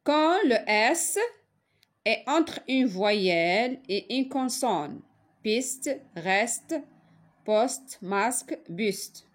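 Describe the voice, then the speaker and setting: A woman teaches a children's spelling lesson at a very slow, deliberate pace. Her voice sits fairly high, and she lingers on every word and sound as she names them one by one. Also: expressive. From Morocco. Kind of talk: primary-school spelling lesson.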